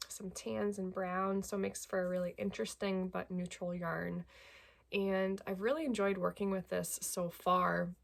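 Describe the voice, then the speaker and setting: A young woman from Greater Portland, Maine hosts a podcast, chatting casually to camera about knitting in a medium-pitched, gravelly voice. She has a cold-stuffed nose and a friendly, chatty manner full of ums.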